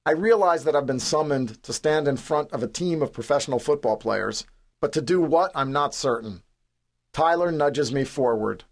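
A man in his forties from the New York City area reads his own memoir in a studio, with a mid-pitched voice. His delivery is wry and understated, poking fun at himself. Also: moderate pace. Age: 40s. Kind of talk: scripted audiobook narration.

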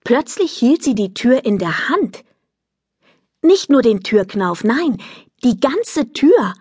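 Female narrator, lively kids' audiobook read, dry booth sound. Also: on the high side, slow, slightly rough, no echo. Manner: lively, expressive storytelling. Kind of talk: scripted narration of a children's book.

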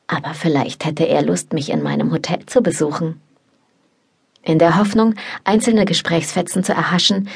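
A woman narrating an erotic novel in the first person, in calm, intimate storytelling. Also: low voice, vocal fry, husky. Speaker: audiobook narrator.

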